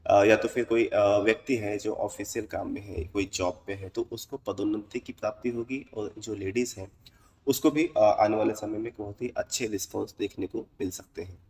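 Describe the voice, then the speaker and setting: A man's voice: fairly low pitch, steady tone, a little mellow, recorded from a distance. Man explaining dreams in an echoey room. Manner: measured and explanatory, with frequent "uh" pauses. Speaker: channel host explaining dream meanings. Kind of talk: explanatory talk to camera audience.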